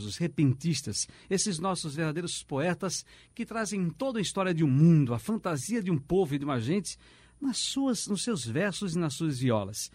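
A man's voice: on the high side, darkish tone, no echo. A man hosting a podcast, introducing segments and interviewing his guest in an upbeat way. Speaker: podcast host.

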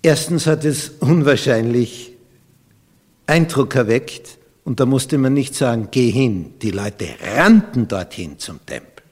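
Austrian male pastor, slightly raspy, dramatic sermon delivery from booming to near-whisper, long hall reverb. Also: lively intonation, a little slow. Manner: dramatic swings from loud emphatic peaks to hushed near-whispers.

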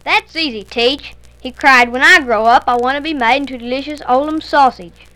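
A woman voicing an eager young schoolboy pupil in a 1950s radio commercial, with a squeaky, excited voice. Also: normal speed. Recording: dull old acetate disc recording.

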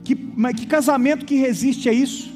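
Man, sermon, high pitched, lively, long reverb, faint music. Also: a little fast. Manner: animated, acting out quoted complaints and prayers. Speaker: preacher.

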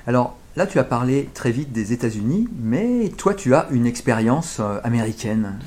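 Un homme qui mène une interview et pose ses questions en les reformulant plusieurs fois. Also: male voice, medium pitch, very animated, moderate pace, a little mellow. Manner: probing, rephrases his questions.

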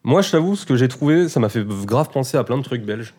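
A man's voice: mid-range voice, expressive, fast, a little mellow, breathy edge. A man with a French accent hosting a casual music podcast, introducing records with many fillers. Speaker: podcast host.

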